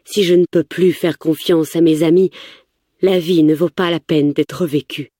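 A woman voicing a trusting young man who speaks with calm sincerity. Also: low-pitched, a little slow, no echo, studio quality. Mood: earnest.

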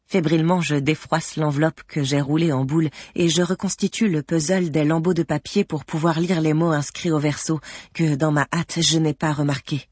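A woman's voice: low voice, fairly even intonation, normal speed, darkish tone, husky, no room sound. A woman reading a first-person novel aloud in an intimate, introspective and wry manner. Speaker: audiobook narrator.

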